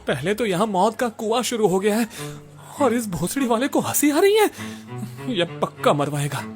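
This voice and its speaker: A man's voice: sits high, very animated, moderate pace, soft background music. A man voicing a sly, scheming young man who swears and mutters asides in an audio drama. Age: young adult.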